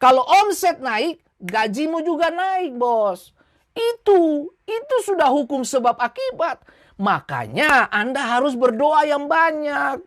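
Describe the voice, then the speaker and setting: A woman's voice: high voice, big pitch swings, slow, no echo. A woman preacher, giving a sermon full of scolding rhetorical questions and small acted-out skits. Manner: acts out quoted voices in short skits.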